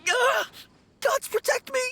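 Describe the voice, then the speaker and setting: A man's voice: very high-pitched, sing-song, a little slow, fairly bright tone, heavily acted. A man voicing a timid young male apprentice undertaker who stammers and speaks in a nervous, overly formal way, in game voice acting. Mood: panicked.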